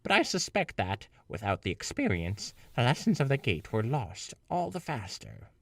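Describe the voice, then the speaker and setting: A man's voice: mid-range voice, big pitch swings, moderate pace, a bit bright, dry recording, far from the mic. A man voicing a regal, ancient female pony princess, reading her lines in a stately, raised voice. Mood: solemn.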